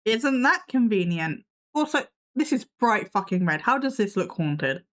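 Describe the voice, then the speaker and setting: A woman hosting a livestream reacts to videos with sassy, skeptical commentary and swears casually, all while losing her voice. Her mid-range, slightly bright voice has a sing-song lilt and a measured pace.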